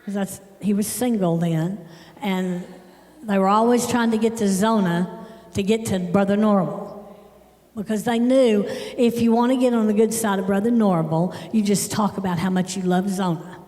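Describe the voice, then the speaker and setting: A middle-aged woman giving a sermon in a church, telling personal stories in an emphatic, animated way. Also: medium pitch, normal speed. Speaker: church speaker. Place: church sanctuary. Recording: echoey church hall with long reverb.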